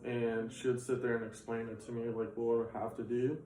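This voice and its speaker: Against a crowd in the background, a Bulgarian-born man in his twenties, a native Bulgarian speaker, rambles through casual memories in an interview, leaning heavily on fillers. His mid-range voice is flat and at normal speed, and the distant mic gives a roomy sound.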